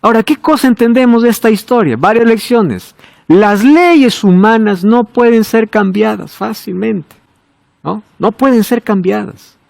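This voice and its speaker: A man's voice: measured pace, creaky, no echo. Emphatic preacher man, dry close sound. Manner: rhetorical questions, swings between emphatic highs and quiet lows. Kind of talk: sermon.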